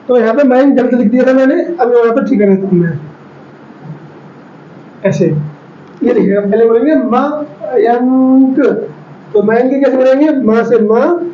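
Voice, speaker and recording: A man's voice: extremely high pitch, a little slow, pauses often, dark tone, a little hiss or hum. A man teaching children to spell names, who keeps quizzing them and drags out syllables as he sounds words out. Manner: keeps quizzing the children and checking they follow. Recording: roomy, dull lo-fi sound.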